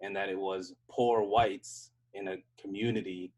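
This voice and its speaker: A low-pitched, slightly rough and somewhat mellow male voice with fairly even intonation keeps a measured pace. He is an American software engineer from the United States, casually explaining things as a panel speaker on an online call from a hotel room. He restarts sentences and checks in with "right?".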